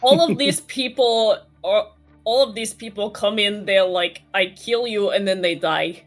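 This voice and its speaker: A woman's voice: medium pitch, measured pace, faint music behind. A woman playing a tabletop game, playful and swearing freely. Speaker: player.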